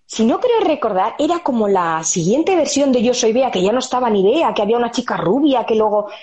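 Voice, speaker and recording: A woman's voice: fairly high pitch, fairly quick. A woman in her thirties, a stage actress, chatting in an interview, telling anecdotes with frequent laughter and acting out the dialogue. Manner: lively storyteller, laughs often, acts out dialogue. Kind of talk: casual interview chat.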